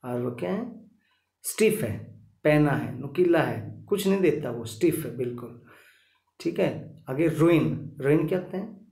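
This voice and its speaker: A man with a higher-pitched, warm voice teaches vocabulary at an unhurried pace, with lively intonation and some vocal fry. He repeats each word several times, drilling it with "ठीक है" and checking in with listeners, and the sound is roomy.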